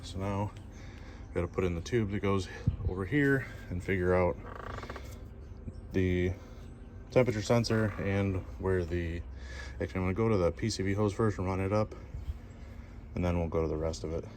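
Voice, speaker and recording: Low-voiced man walking through a car install. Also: moderate pace, pauses often, a little hiss or hum. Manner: relaxed, explains step by step while working. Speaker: car DIY vlogger. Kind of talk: casual install walkthrough. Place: outdoors by a car engine bay.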